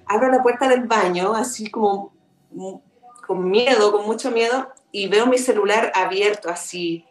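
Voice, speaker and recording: A woman guest telling a paranormal story in a live chat, animated, acting out her own reactions. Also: medium pitch, moderate pace, reverberant, low-quality recording.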